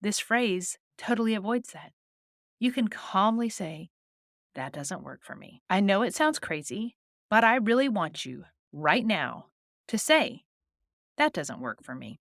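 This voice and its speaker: Woman podcast host, faith-based advice, earnest and encouraging, lively pitch, dry close sound. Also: unhurried, dry recording. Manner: calm, earnest and encouraging, with little laughs.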